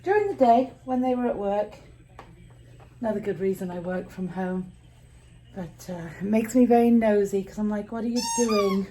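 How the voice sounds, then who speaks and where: A woman vlogger talks straight to her viewers in a casual, chatty way. Her voice is relaxed and dark-toned, with faint noise behind it. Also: medium pitch, normal speed, low-quality recording. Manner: chatty, addresses viewers directly. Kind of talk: casual daily vlog chat.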